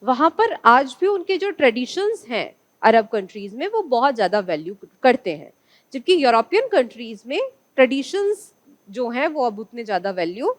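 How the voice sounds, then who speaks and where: A woman's voice: on the high side, big pitch swings, normal speed, no room sound. A woman from India teaching an online exam-prep class, asking her students questions and answering them herself.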